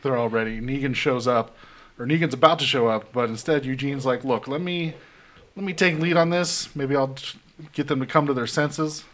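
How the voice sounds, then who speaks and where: Guy with a bright voice retelling a tv episode, laid back, does the characters' lines. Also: medium pitch, normal speed. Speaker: podcast host recapping a TV episode. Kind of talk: casual chat.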